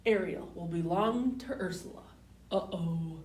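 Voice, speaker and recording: An unhurried woman with a lowish, darkish voice hosts a children's storytime, reading picture books aloud expressively and asking the little ones simple questions. The audio sounds roomy and distant, with faint background noise.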